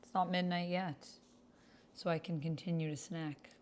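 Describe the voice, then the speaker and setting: A woman with a lowish, steady, slightly mellow voice talks at a normal speed, with a bit of background noise. Streaming herself playing a text-based roleplaying game, she chats casually and thinks aloud as she reads and types, often second-guessing what she just said.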